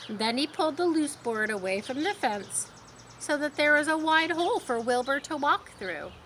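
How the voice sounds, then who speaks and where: A woman reading a children's story in an expressive storytelling style, with informal asides. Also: high voice, normal speed. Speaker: storybook reader. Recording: faint noise with birdsong behind. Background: birdsong.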